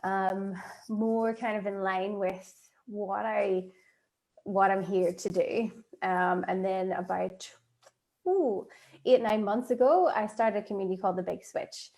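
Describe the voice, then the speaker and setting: A woman's voice: medium pitch, measured pace, a little mellow. A woman, a life coach chatting as a guest in an interview, talking freely with many fillers and frequent laughs. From Northern Ireland. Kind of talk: casual interview chat. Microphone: video call.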